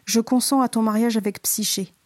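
Zeus, a calm commanding father of gods, as a woman reads him. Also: a little high, a little fast, no echo, studio quality, lightly acted. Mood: benevolent.

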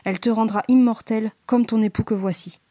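A woman voicing Zeus, father of the gods, who speaks calmly and kindly but with command, in a storybook reading. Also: fairly high pitch, brisk, dry recording, clean studio sound, lightly acted. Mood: benevolent. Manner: calm, benevolent and commanding.

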